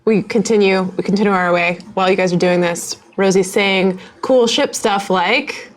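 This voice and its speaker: A woman's voice: mid-range voice, moderate pace. A woman playing a tabletop game, chatting casually and playfully. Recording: faint background noise.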